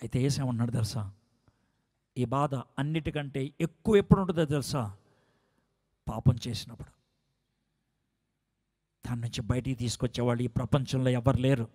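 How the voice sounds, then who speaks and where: A man preaching a sermon as a dramatic story, swinging from soft, hushed lines to loud climaxes. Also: mid-range voice, normal speed, long pauses. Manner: acts out quoted dialogue in story.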